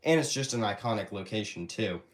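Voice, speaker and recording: A man's voice: fairly low pitch, animated, brisk. Stuffy young man rambling on a stream. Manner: rambling, hesitant, with many fillers and restarts. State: stuffy from allergies. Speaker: YouTube creator hosting a live Q&A. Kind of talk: casual live stream chat. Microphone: handheld phone camera.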